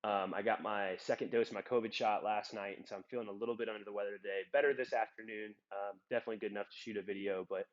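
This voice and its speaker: Filmed on a phone mounted on a trekking-pole clip, this young man, a hiking vlogger in a trail town, talks through his gear in a relaxed, rambling way with lots of ums. He speaks fast with hardly any pauses, in a fairly low, slightly stuffed-up voice, and the sound is lo-fi.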